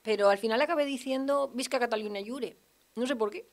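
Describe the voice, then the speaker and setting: A woman's voice: on the high side, fairly quick. A woman from Madrid, a radio panelist, bantering playfully and teasing in a studio. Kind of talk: casual comic banter. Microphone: studio mic.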